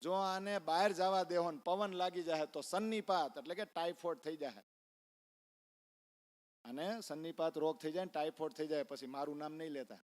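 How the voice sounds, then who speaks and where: A man's voice: on the high side, moderate pace, natural voice. A man playing a stern village doctor giving a warning in a Kathiawadi Gujarati accent. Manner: warning, insistent.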